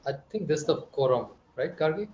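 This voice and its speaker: A man's voice: on the high side, expressive, brisk, a little mellow. A man, casually chatting as a co-host on an online call. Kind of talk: casual chat. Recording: dull, faintly noisy call audio.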